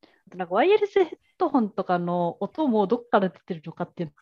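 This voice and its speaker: A woman's voice: medium pitch, sing-song, fast talker. A woman co-hosting a podcast in casual tech chat, candid and chatty about her small worries. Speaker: podcast co-host. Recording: muffled, dry close mic.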